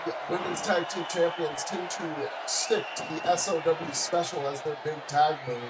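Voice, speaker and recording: A man with a high voice works as a play-by-play wrestling commentator. His delivery is excitable, built around calling each move. Loud noise sits behind him throughout. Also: normal speed, a loud crowd. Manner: excitable, calling moves with shouted exclamations.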